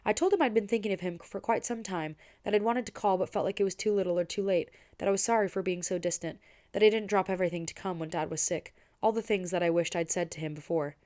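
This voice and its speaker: A young woman reading a novel aloud expressively, pausing to give her own reactions. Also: fairly low pitch. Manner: expressive and personal, stops to react. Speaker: book reader and reviewer.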